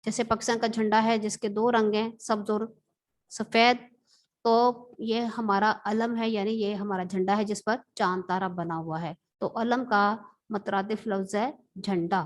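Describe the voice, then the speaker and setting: A woman teacher from Pakistan, giving a patient, explanatory vocabulary lesson and repeating words slowly. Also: mid-range voice, fairly even intonation.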